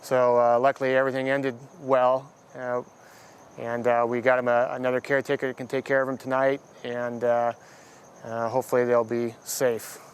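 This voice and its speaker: Flat-toned, firm male police officer. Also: medium pitch, moderate pace, a little hiss or hum. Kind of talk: on-duty talk and recap to camera.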